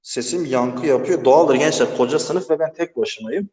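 This man's voice sits on the higher side with a darkish tone, moving at an ordinary pace. Alone in a large empty classroom, he walks through a math lesson one step at a time, often asking "right, friends?" as heavy echo rings around the bare room.

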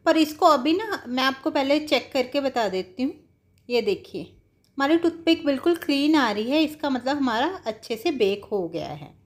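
Speaking directly to viewers, a home cook gives a relaxed, step-by-step recipe tutorial. Her voice sits high and sounds animated, moving at a normal speed.

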